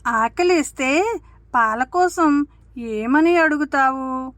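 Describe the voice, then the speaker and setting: A woman's voice: sits high, takes it slowly, a bit bright, no room sound. A woman voicing a sad, orphaned little kitten in a storybook tale, speaking in a tearful, pleading way.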